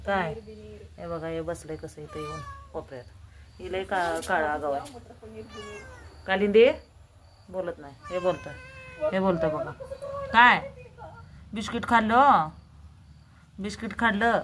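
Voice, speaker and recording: A woman's voice: fairly low pitch, normal speed, background noise. Woman cooing to her pet cats. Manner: coos and calls to cats in a sing-song voice. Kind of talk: casual home vlog. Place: home with cats, indoors.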